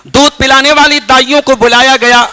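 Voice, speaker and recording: An Islamic preacher with a very high-pitched, sharp yet clean voice and a flat delivery gives a sermon, telling stories passionately and reciting Arabic verses. The recording has a long hall reverb.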